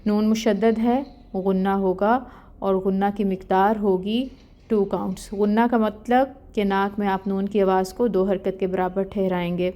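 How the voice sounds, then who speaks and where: A woman's voice: mid-range voice, little pitch movement, mellow. A woman teaching Quran recitation rules, explaining each letter patiently and step by step. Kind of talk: step-by-step tajweed lesson.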